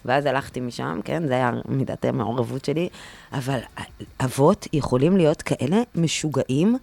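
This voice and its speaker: A woman chatting casually on a podcast, telling stories in an animated, indignant rant. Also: very deep voice, gravelly.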